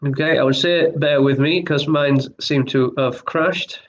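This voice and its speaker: A man hosting an online pub quiz, reading each question twice and chatting between rounds in a relaxed, apologetic way. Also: a little high, measured pace, muffled recording, a little hiss or hum. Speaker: quiz host.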